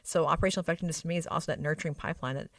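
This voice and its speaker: Fast-talking woman with an Arkansas accent. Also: deep voice, fairly even intonation, no room sound, clean studio sound, recorded from a distance. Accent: Arkansas Southern US. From Arkansas, United States. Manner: emphatic and explanatory, with frequent tag questions. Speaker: guest expert on medical spa practice operations. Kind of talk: conversational expert interview answer.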